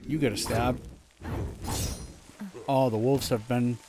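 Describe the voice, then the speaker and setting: Amid a noisy background, a man in his thirties streams a game from home, chatting loosely, mocking his own play and often beginning again. His mid-range voice is fairly even in intonation and takes things slowly.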